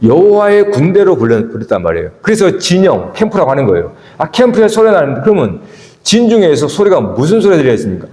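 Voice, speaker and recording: A man preaches a sermon in a church sanctuary, his pitch sitting fairly high and moving in wide, lively swings. He keeps asking the congregation questions and drops low between emphatic peaks. The recording carries the roomy echo and long reverb of the church hall. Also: quick pace. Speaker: pastor.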